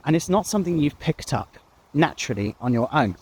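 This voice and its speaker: A man with a Received Pronunciation accent, rambling in a relaxed way while walking his dog outdoors. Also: on the high side, fairly quick, husky. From England. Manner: chatty, relaxed, with frequent ums and uhs. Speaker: vlogger. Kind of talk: casual explanatory ramble.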